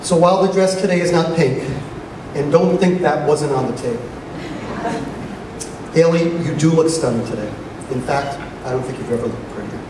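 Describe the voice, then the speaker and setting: A middle-aged man giving a father of the bride speech at a wedding reception, speaking deliberately with pauses and dry humor. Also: on the high side. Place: large room at a wedding reception. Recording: echoey reception hall, distant mic, noisy crowd. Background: guests and crowd noise.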